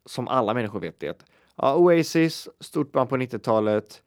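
A man's voice: mid-range voice, animated, creaky, darkish tone, smooth, no echo, clean studio sound. A man co-hosting a podcast in casual chat, joking and laughing often. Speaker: podcast co-host.

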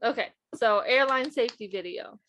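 A woman co-hosting a comedy podcast, reading a silly bot-written airline safety script with deadpan delivery and giggles. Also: fairly high pitch, normal speed, noisy background. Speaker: podcast co-host.

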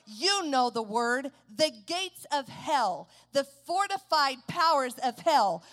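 A woman preacher delivering a sermon to a church congregation, declaiming slow emphatic lines that build to loud shouts. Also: high voice. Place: church service.

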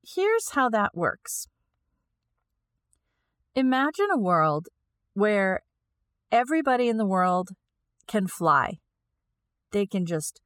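A woman's voice: medium pitch, no echo. A woman gives a lecture, walking listeners through an idea one step at a time. She thinks aloud and sometimes restarts or repeats a phrase. Her voice is close and dry, with no room sound. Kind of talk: explanatory lecture.

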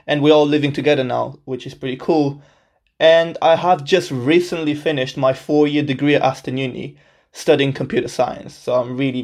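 Hosting his own podcast, this native Portuguese speaker from Portugal, in his twenties, opens with a relaxed, cheerful intro that pokes fun at himself. He has a mid-range, darkish voice.

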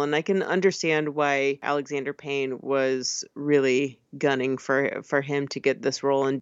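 A woman's voice: low voice, no echo. A woman co-hosting a podcast, chatting casually about a film with frequent laughs and fillers. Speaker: podcast co-host. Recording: slightly dull lo-fi sound.

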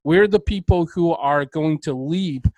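A male podcast host with a fairly high voice. He talks with emphatic, motivational enthusiasm. The sound is dry and close, with almost no room around him. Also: measured pace, darkish tone, dry recording, rough recording. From Bulgaria. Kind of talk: interview conversation.

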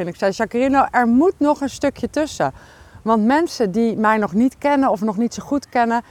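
A woman hosting her podcast in a candid, casual video diary, tired and halting, with many fillers. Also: medium pitch, darkish tone, no room sound. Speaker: podcast host.

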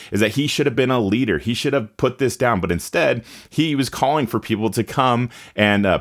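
Deep voiced guy ranting, lots of uh and um, keeps restarting. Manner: indignant, halting with many fillers and restarts. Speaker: commentator. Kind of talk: opinion commentary.

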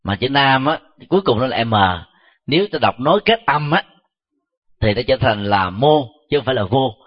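A man, a Buddhist monk, giving a measured dharma talk and answering questions, pausing often with soft fillers. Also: mid-range voice, animated, breathy edge. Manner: slow, measured, frequent filler "à". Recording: dull lo-fi recording.

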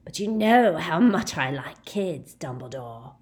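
A woman voicing a savage male werewolf with a rasping, barking voice, leering and menacing. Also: low voice, sing-song, a little slow, a little mellow. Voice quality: rasping bark. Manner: leering, relishing.

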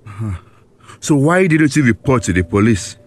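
A man with a Nigerian accent playing a calm, firm police officer in a radio drama, reassuring and questioning. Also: medium pitch, no room sound, close to an everyday voice. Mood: steady. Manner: measured, reassuring.

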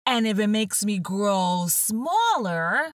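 A woman's voice: medium pitch, sing-song, slow, no echo, clean studio sound, far from the mic. A woman voicing Alice, a curious, fretful little girl, in a storybook reading. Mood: musing.

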